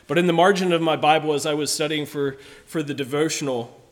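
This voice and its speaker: A man preaching a sermon in an earnest, halting way, often restarting his phrases. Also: fairly high pitch, fairly even intonation. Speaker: visiting preacher.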